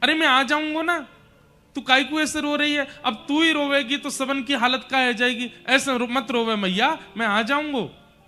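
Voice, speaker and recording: A man voicing young Krishna, high and pleading. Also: steady tone, normal speed, pushed and bright. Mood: pleading, soothing. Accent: Braj. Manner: pleading, soothing. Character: tender young boy Krishna comforting his mother.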